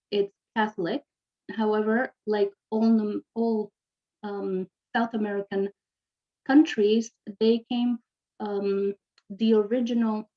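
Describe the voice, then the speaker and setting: A woman's voice: mid-range voice, highs cut off. A woman in her forties from Argentina, a native Spanish speaker, giving a chatty class presentation as a teacher with many fillers and asides. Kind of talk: casual recorded class presentation.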